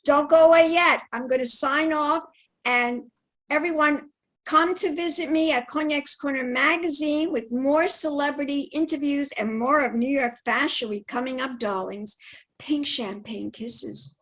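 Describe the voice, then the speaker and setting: A woman's voice: high-pitched, normal speed, fairly bright tone, poor audio. A woman hosting an online show, talking to viewers in a theatrical, gushing presenter style. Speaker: online show host and interviewer.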